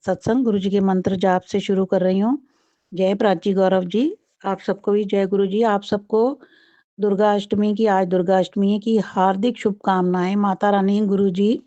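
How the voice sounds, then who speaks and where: A woman leads a devotional talk and mantra chant in a steady, flat monotone. Her voice is dark and mellow, and it sits in a dry, dull lo-fi recording. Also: mid-range voice, dry recording. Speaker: devotee leading a prayer chant.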